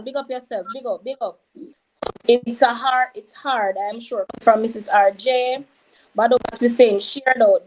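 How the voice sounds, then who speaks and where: A woman with a Jamaican accent hosting a livestream, reading out viewer comments and giving shout-outs. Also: on the high side, slight background noise, poor audio. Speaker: livestream host reading chat. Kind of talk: casual livestream chat.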